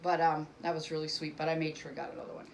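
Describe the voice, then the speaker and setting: A middle-aged woman performs a casual stand-up monologue to camera from her home, rambling and poking fun at herself with plenty of fillers. Her voice is low and gravelly, her intonation fairly even, and she talks rapid-fire. The audio quality is poor.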